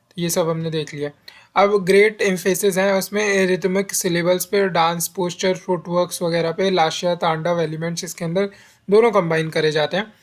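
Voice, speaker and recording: A man's voice: high-pitched, steady tone, moderate pace. A man teaching an exam-prep lecture, often repeating key terms as memory drills and slipping into English phrases.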